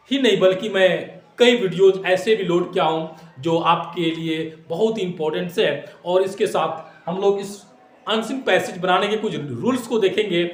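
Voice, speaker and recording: A man teaching exam tips in a classroom style, repeating points and asking rhetorical questions while mixing in English phrases. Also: high voice. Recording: echoey room.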